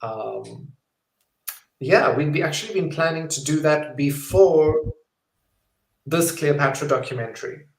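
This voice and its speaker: Slow-talking man, roomy sound. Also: a little high, creaky. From South Africa. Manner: friendly, chatty, with frequent ums and easy laughter. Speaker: documentary filmmaker. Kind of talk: casual interview answers. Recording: roomy echo.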